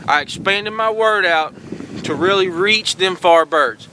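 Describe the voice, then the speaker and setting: A man's voice: high voice, measured pace, noisy background. A man giving folksy, encouraging outdoor lessons, repeating "all right" and "guys" often. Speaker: host teaching duck calling. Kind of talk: casual outdoor instruction.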